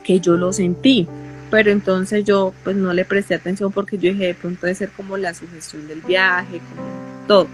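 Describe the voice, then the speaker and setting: Colombian woman telling her testimony in an interview, halting, repeats herself, soft guitar faint behind. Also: on the low side, fairly even intonation. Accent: Colombian Spanish. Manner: halting, circles back and repeats phrases. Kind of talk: emotional personal testimony.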